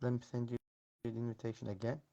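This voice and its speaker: Fast and flat, with a warm, creaky mid-range voice, the Turkish-accented host of an online teacher talk series conducts a casual live video-call interview. He's polite and keeps thanking his guest in repetitive phrases, over dull, lo-fi stream audio.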